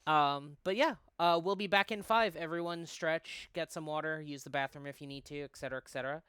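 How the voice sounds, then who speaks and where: A man hosts a visual novel playthrough, chatting casually and reading the text aloud in a slightly high, brisk, fairly bright and clean voice. The studio sound is clean, without room sound, and music plays behind him.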